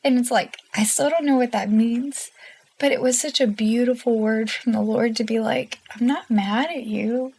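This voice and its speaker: A woman's voice: a little high, fairly even intonation, normal speed, vocal fry, a little mellow, husky. A woman guest in an interview, telling her story in an earnest, emotional way and laughing often. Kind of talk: candid personal interview.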